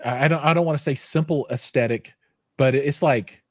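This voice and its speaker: A man's voice: mid-range voice, brisk. A man co-hosting a casual chat, easygoing and thinking aloud. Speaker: co-host.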